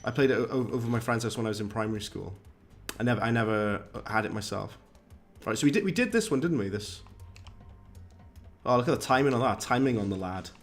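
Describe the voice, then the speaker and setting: Chatty streamer, joking. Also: male voice, mid-range voice, animated, fast talker, long pauses, faint music behind. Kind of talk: casual live-stream commentary.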